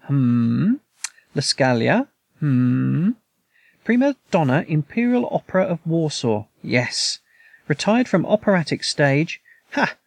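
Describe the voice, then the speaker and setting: A man's voice: a little high, sing-song, slow, gravelly, dry recording, heavily acted. A man reading the lines of a coolly detached, languid detective with dry, clipped remarks in an audiobook story. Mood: musing.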